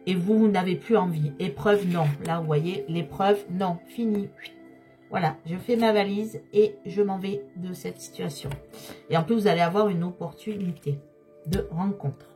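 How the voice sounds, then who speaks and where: A slightly hoarse woman giving a tarot reading, speaking straight to her viewers and repeating key phrases for emphasis. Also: on the low side, steady tone, normal speed, dark tone, soft background music. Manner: repetitive, emphatic, addresses viewers directly. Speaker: tarot card reader.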